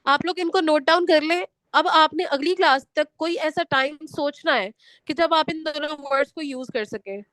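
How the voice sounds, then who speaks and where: A young woman teaching a spoken English class online, switching between Hindi-Urdu and English and slowing down for the English lines. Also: high-pitched, a bit bright, no echo.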